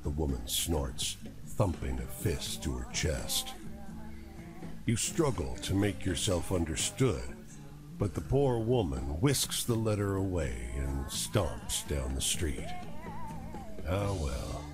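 A man's voice: very deep voice, very animated, slow, over music, heavily acted. A man reading scripted game narration in a wry, storybook manner. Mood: dry.

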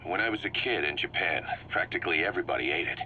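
In this scripted video game line, a man voicing a shrewd, driven mercenary commander explains plans to his boss, emphatic and sure of himself. He speaks fast in a low voice with lively intonation, though his mood stays matter-of-fact. Background hum runs under a muffled, cassette-like sound.

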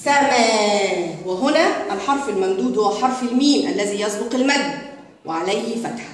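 A woman's voice: mid-range voice, expressive. Arabic teacher woman in an echoey room. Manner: slow, drawn-out sounding of syllables; addresses children directly as friends. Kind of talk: children's phonics lesson. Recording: echoey room with long reverb.

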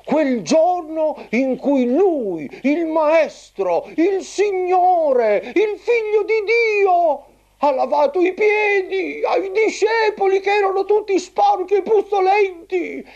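A man voicing a kindly, bewildered old grandfather in a children's puppet show, squeaky and exclaiming. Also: expressive, takes it slowly, darkish tone, muffled recording, heavily acted. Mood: friendly, puzzled. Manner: effusive, exclaiming. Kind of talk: puppet theatre storytelling for children.

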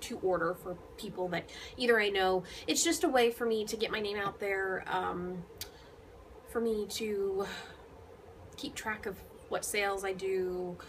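A woman with a middle-pitched voice chats casually about her craft projects, wandering from topic to topic with frequent ums and self-corrections. She sounds relaxed and informal, talking from home with a faint hum of background noise. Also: measured pace, poor audio. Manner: rambling, many ums and restarts. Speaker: knitting vlogger. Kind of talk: casual chat to camera.

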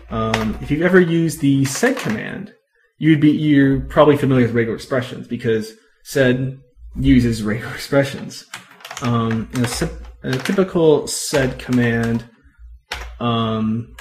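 A man talks through a coding tutorial in a loose, unscripted way, stopping to fix his wording and filling pauses with ums. His voice sits at an ordinary middle pitch for a man. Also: a little hiss or hum. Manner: rambling, self-correcting, many ums. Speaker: tech video host. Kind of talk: casual screen-recorded tutorial.

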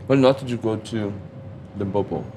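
A man's voice: fairly low pitch, normal speed, mellow. A young South African man chatting casually on a date over a meal, with a hesitant but eager manner. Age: young adult. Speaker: host on a mock date. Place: restaurant, indoors. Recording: clear background ambient noise.

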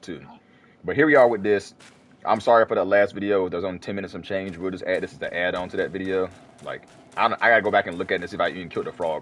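A man's voice: low voice, fairly bright tone, slight background noise. A man giving casual let's play commentary, rambling and correcting himself as he chats to the screen. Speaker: gamer playing through a video game.

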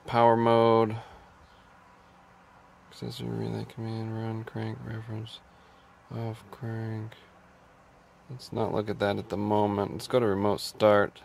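Low-voiced man thinking aloud in a car. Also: monotone, measured pace, gravelly, pauses often. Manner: thinks aloud, reads scan tool values. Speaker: auto mechanic. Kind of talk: casual diagnostic walkthrough. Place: inside a car.

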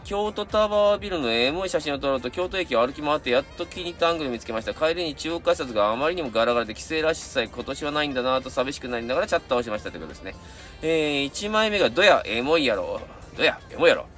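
With faint music playing behind him, a middle-aged camera channel host with a Kansai accent chats loosely, piling on fillers and asides while he reviews gear and reads submissions from viewers. His slightly high, fairly bright voice is animated and very fast.

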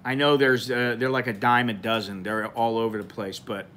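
A man's voice: mid-range voice, flat delivery, normal speed, fairly bright tone, a little hiss or hum. Chatty bearded man on a live stream. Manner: rambling, chatty and informal, with many fillers. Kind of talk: casual live stream chat. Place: small indoor room with a plain wall.

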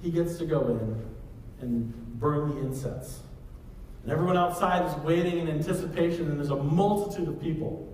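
Thirties male pastor, slightly higher voice, casual sermon delivery, roomy faint hiss. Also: normal speed, a little mellow. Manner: conversational preaching, walks the stage gesturing. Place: large church sanctuary. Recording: echoey hall from far off.

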